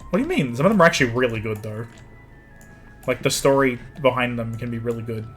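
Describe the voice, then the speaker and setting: A man's voice: mid-range voice, animated, fast, soft background music. A man streaming a game, chatting casually and rambling, often repeating himself.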